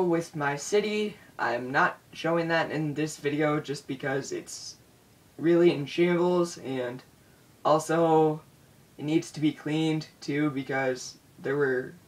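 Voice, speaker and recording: A man talks slowly and hesitantly through a casual update, pausing on filler words, his slightly high voice caught in low quality. The sound comes from a built-in iPod microphone set back from him, so it is thin and distant. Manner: hesitant, many ums and restarts. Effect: low-quality recording on a built-in iPod mic. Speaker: vlogger. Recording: distant low-quality handheld device mic.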